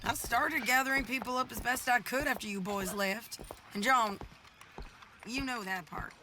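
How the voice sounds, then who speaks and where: A woman's voice: fairly high pitch, normal speed, noisy background, natural voice. Woman playing a tough, frank American outlaw. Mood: grim. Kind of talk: dramatic game character acting. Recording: loud music over the voice.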